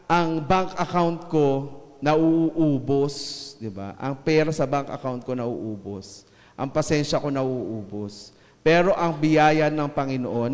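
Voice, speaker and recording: Male preacher, slightly high voice, casual joking sermon with slow emphatic scripture lines, reverberant church hall.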